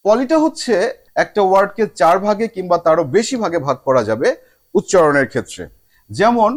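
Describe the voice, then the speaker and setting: High-voiced man teaching a lesson. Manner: slow drawn-out word demonstrations; mixes English phrases into speech. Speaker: English teacher. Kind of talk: spoken lesson.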